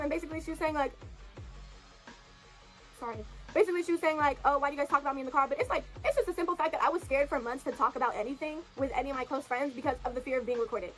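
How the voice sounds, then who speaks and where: A young woman rushes through a heated confessional vlog in a high voice. She rambles with fillers, swears freely and keeps apologizing. Faint music plays underneath. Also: a bit bright. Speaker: vlogger telling her side of a breakup.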